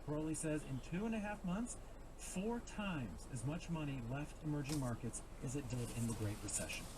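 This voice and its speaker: A man's voice: fairly high pitch, expressive, moderate pace. A man delivering a scripted news report as a radio reporter, heard through a car radio. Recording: car radio under loud road noise.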